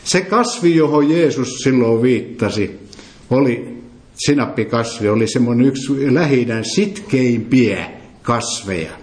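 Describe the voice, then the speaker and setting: A man preaches to a gathering in a roomy, echoing hall, pressing his points with emphasis. He keeps turning questions back to the listeners as he teaches. His voice sits at an ordinary middle pitch. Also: darkish tone. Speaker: preacher leading a Bible study. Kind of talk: interactive sermon. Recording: roomy echo.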